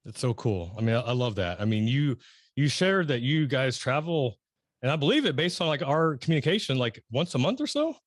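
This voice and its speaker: A middle-aged man hosting an interview, talking casually and rambling with many restarts and excited emphasis. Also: medium pitch, a little fast, no room sound, studio quality. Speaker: podcast host interviewing a guest.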